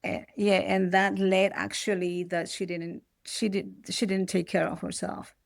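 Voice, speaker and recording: This reflective personal interview features a middle-aged podcast guest from Peru, raised in the Netherlands, who often begins her sentences again. Her medium-pitched, creaky voice moves little in pitch and keeps a measured pace. The recording is dry with clean studio sound.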